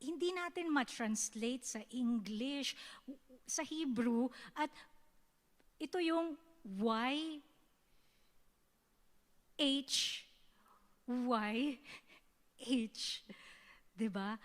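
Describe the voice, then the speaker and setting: A woman's voice: sits high, animated, extremely slow, pauses often, long reverb tail. A Filipino woman giving a youth sermon in casual mixed speech, often checking in with her listeners. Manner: conversational, keeps asking "diba?". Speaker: youth service speaker. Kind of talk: Taglish sermon teaching. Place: church hall.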